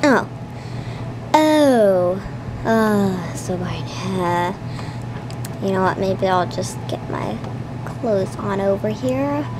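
Brief: young girl musing through game narration, slow, noisy room. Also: medium pitch, lively intonation. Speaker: young filmmaker narrating her game skit.

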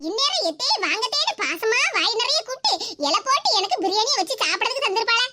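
Brief: a bitter old cartoon mother with a Tirunelveli Tamil accent, nagging and self-pitying, pitched extremely high over loud noise. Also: very animated, quick pace. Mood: grumbling. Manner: scolding, self-pitying laments. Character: grumbling old mother, bitter about her children. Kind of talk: cartoon voice acting.

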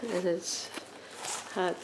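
At home on a sofa, a doll collector who hosts a channel talks slowly in a slightly low, steady voice about a vintage doll, in casual show-and-tell style. Her phrasing halts, full of ums and uhs, and she coughs occasionally. Faint room ambience and background noise sit behind her.

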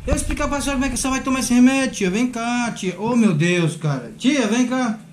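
A man's voice: very high voice, fairly quick, a little hiss or hum. A man vlogging a prank, talking in a teasing, coaxing way and laughing often. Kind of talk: casual prank vlog.

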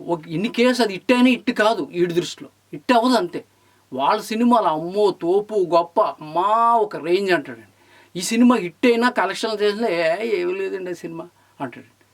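A high-pitched man in a furious monologue. He scolds his targets with question after question. His voice jumps between loud outbursts and muttered asides. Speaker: film commentator. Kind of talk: angry rant to camera.

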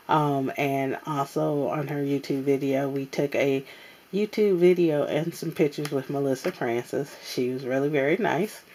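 A woman casually showing off her craft supply haul at a table, talking in an unhurried way with many ums and pauses. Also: low-pitched, a little mellow. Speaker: crafting vlogger. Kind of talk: casual haul show-and-tell. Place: indoors at a tabletop.

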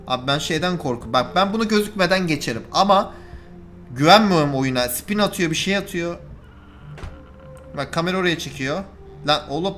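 Gaming YouTuber, male, a bit high-pitched, excitable and easily exasperated, chatting straight to viewers. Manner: excitable, exasperated, swinging from calm to shouting; addresses viewers directly. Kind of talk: casual let's-play commentary.

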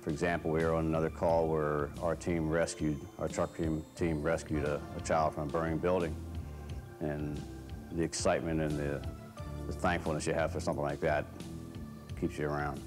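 A man's voice: very deep voice, level tone, normal speed, music in the background. An American man in his fifties, a retired fire chief, speaking reflectively in a documentary interview. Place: fire station beside a truck, music behind.

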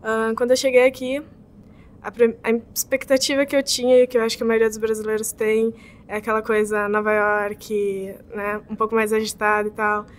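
A woman's voice: a little high, level tone, normal speed. Chatty young woman. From southern Brazil. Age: young adult. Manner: chatty, ends phrases with "sabe?". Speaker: exchange student. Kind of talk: interview testimonial. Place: indoor campus building.

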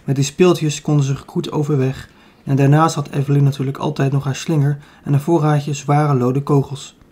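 A man narrating a children's audiobook in a calm, even storytelling manner. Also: fairly high pitch, normal speed, husky.

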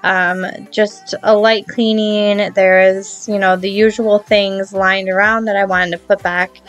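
A woman in her thirties talks her viewers through her cleaning in a relaxed voice-over. She is chatty and friendly and laughs lightly now and then, with her voice at an ordinary middle pitch. Faint music plays underneath. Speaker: cleaning vlogger. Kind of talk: casual voice-over narration.

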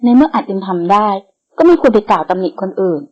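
A woman's voice: mid-range voice, sing-song, fast talker, lo-fi sound. Commanding old grandmother, read by a woman. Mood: stern. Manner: authoritative, scolding. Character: stern elderly grandmother, commanding matriarch.

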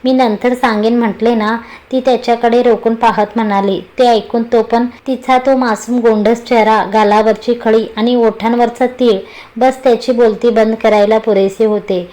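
A woman narrates a romantic story aloud. Her voice sits fairly high and her reading is steady and scripted. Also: normal speed, poor audio.

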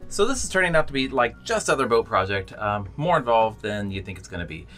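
A man's voice: mid-range voice, big pitch swings, a little fast, a bit bright, faint music behind. Chatty man vlogging from his boat. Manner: chatty, talks to viewers while working with his hands. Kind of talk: casual vlog talk. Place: aboard a catamaran, partly in a small cabin.

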